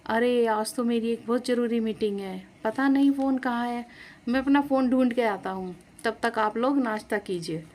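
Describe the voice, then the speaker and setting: A woman's voice: a little high, moderate pace, darkish tone, lightly acted. A woman voicing a harried young husband caught between his wife and mother, flustered and making excuses in a storybook tale.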